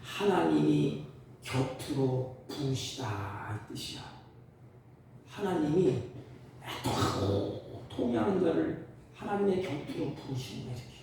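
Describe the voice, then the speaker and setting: A male pastor preaching a Sunday sermon, swinging from loud exhortation to hushed, tender asides. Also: fairly high pitch, very animated, measured pace, gravelly, a little hiss or hum. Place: church sanctuary. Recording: roomy church sound from a distant mic.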